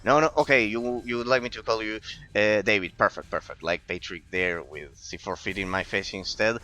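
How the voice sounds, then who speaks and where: A man's voice: lowish voice, a little fast, pushed and bright. A man in his late twenties with an Argentine accent, chatting casually to viewers as he streams a game, rambling and repeating phrases for emphasis. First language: Spanish. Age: late 20s. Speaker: live streamer. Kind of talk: casual chat to viewers during gameplay.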